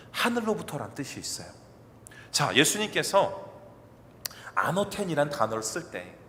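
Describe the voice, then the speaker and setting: Guy pastor preaching, kinda high voice that swings all over, acts out the lines, long echo like a big church. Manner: lively, acts out quoted dialogue, asks the congregation questions. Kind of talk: sermon. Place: church sanctuary. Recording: long hall reverb, faint ambient noise.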